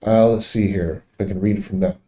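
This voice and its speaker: Muffled, very dark-voiced man hosting a livestream. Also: deep voice, fairly even intonation. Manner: halting, repetitive. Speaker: livestream host. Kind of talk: casual unscripted livestream chat. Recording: dull, muffled lo-fi audio.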